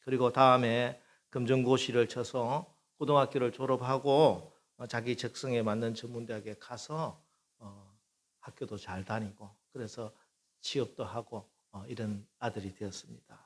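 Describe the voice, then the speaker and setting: Middle-aged pastor guy preaching, husky voice, tells the story and acts out the prayers and talk in it. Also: medium pitch, steady tone, normal speed. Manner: acts out quoted prayers and dialogue, voice rising with emotion. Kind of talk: sermon storytelling.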